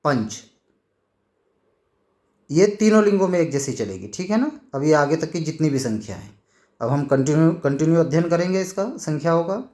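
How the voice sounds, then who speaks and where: A man teaching a Sanskrit grammar lesson, slowly reading out words and repeating them, with frequent checks that students follow. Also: a little high, expressive, warm tone.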